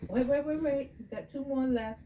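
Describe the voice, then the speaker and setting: A woman leading children in a home lesson, coaching them patiently with slow, drawn-out explanations. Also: high-pitched, distant mic, muffled recording, a little hiss or hum. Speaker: adult leading children in a candle lighting. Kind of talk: home teaching talk. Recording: voice from away from the mic.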